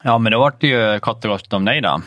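A man's voice: lowish voice, a bit bright, no room sound. A man co-hosting a podcast, rambling in casual chat about video games with many fillers and some swearing. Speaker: podcast co-host.

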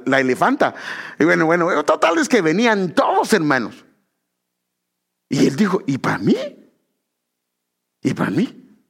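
A man from Guatemala with a Guatemalan Spanish accent, preaching a sermon in an animated way, calling his listeners brother and correcting himself as he goes. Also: a little high.

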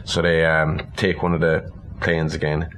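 A podcast co-host with a bass voice goes over a film's plot informally, speaking at a measured pace in a completely flat delivery that's a bit bright. Background room noise is clearly present.

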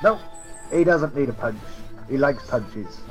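A man's voice: mid-range voice, expressive, a little slow, soft background music, low-quality recording. A man playing a tabletop role-playing game, bantering casually in character.

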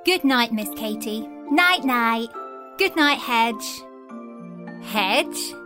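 Woman, higher-pitched voice, children's story narration, podcast host, soft background music. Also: animated, slow pace.

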